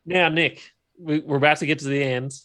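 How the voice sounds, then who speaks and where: Male co-host, somewhat high voice, keen and chatty, keeps the talk moving. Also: fairly even intonation, a little fast, a bit bright. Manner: enthusiastic, steers the conversation, laughs while talking. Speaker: podcast co-host. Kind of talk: casual chat about a film.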